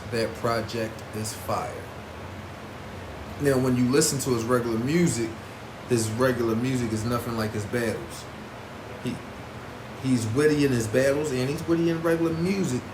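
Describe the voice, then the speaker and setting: A man giving casual vlog commentary as a host, in informal, slangy speech with emphatic repetition. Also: medium pitch. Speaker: host reviewing battle rap artists. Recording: roomy echo with clear background noise.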